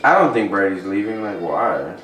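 A man's voice: lowish voice, big pitch swings, moderate pace, a bit bright, distant mic. A man in casual group banter, slangy and often repeating short phrases. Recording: echoey room, off-mic, faint noise.

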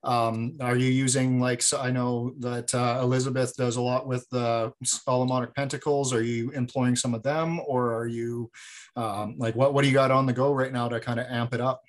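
A man's voice: medium pitch, little pitch movement, moderate pace. A man speaking as the host of a podcast. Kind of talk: podcast hosting.

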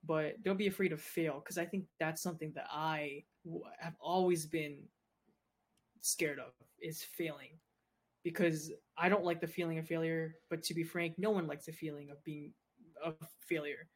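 A man's voice: a little high, fairly even intonation, moderate pace, breathy edge. Laid-back young man podcast co-host. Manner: laid-back, easygoing, casual slang. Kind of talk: casual chat.

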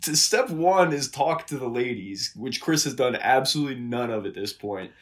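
A man's voice: medium pitch, animated, normal speed, a bit bright. Swearing, riffing male podcast co-host. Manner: swearing, riffing, calls partner dude. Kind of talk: casual comedic recap chat.

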